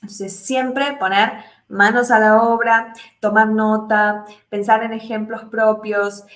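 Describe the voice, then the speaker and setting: A woman teaching English in a live class, explaining step by step, checking in with her students constantly and voicing the example sentences higher. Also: level tone, takes it slowly, fairly bright tone, roomy sound. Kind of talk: live online English lesson.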